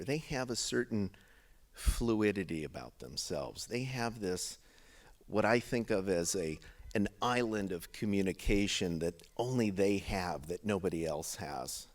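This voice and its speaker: Man, middle-aged, low voice, father of the bride wedding speech, heartfelt, deliberate pauses.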